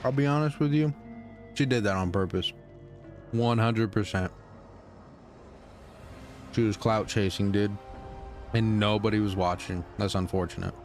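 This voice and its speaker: Deep-voiced, laid-back young male streamer. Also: measured pace, pauses often, a little mellow, soft background music. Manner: rambling, laid-back, lots of fillers. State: tired, yawning. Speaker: game streamer. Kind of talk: casual live-stream commentary.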